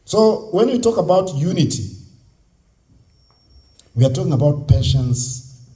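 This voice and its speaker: A man's voice: fairly high pitch, sing-song, unhurried, warm tone. A man with a Ugandan accent giving a motivational public speech, exhorting listeners with repeated key phrases and rhetorical questions. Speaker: speaker at a youth convention. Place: live on stage at a convention.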